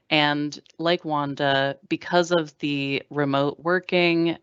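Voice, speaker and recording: An American woman in her thirties, a rail engineer giving a relaxed, chatty career talk over a video call. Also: sits low, smooth, dry recording, lo-fi sound. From United States. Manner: relaxed, chatty, with many fillers. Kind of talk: presenting a slide talk.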